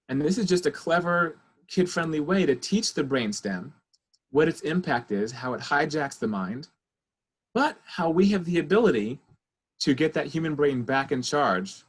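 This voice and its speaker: A man's voice: medium pitch, husky. A middle-aged man, a child therapist, leading a parenting webinar over a video call and talking the audience through breathing exercises. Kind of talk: guided breathing instruction and lecture.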